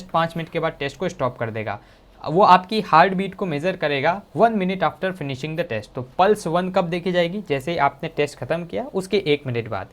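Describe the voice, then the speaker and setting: A male teacher, his voice slightly high, goes through exam answers step by step during an exam-prep lesson. He speaks casually and straight to his students, often addressing them as "bhai sahab", and his speech is loaded with English technical terms.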